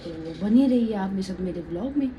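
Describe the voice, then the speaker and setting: A woman's voice: mid-range voice, expressive, fast talker, noisy background. A young woman chatting casually to viewers in a daily home vlog, talking about her morning. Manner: chatty, talks to viewers and coos to her baby daughter. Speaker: vlogger. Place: home kitchen and bedroom.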